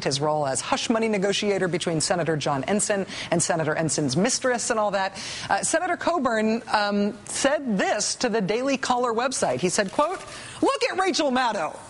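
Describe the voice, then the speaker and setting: A woman's voice: mid-range voice, a little hiss or hum. A woman hosting a cable news show, delivering commentary in a sarcastic, mock-emotional way. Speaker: host.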